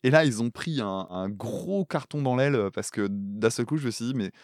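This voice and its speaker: A man of ordinary pitch co-hosts a casual music podcast, lively and quick to laugh. His speech is animated, with casual swearing as he picks apart song covers. The sound is close and dry. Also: no echo. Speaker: podcast co-host; schoolteacher.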